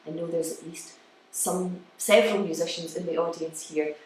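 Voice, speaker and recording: A woman musician gives a live lecture with demonstrations to an audience indoors, explaining things with halting pauses and counting beats aloud. Her voice is lowish, steady and a little mellow. The distant mic picks up a very echoey room and faint noise.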